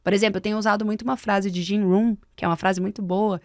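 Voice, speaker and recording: A woman's voice: mid-range voice, steady tone, fast talker, darkish tone, dry recording, studio quality. A Brazilian woman mentor explaining speaking techniques on a podcast, emphatic and didactic. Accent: Brazilian Portuguese. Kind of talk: podcast conversation. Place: podcast studio.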